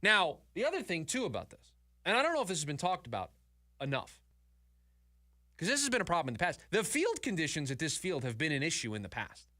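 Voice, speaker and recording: Lively, bright-voiced male sports radio host. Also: a little high, quick pace, no echo, clean studio sound. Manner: animated, repeats words when emphatic. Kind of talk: sports talk radio chat. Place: radio studio. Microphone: studio mic.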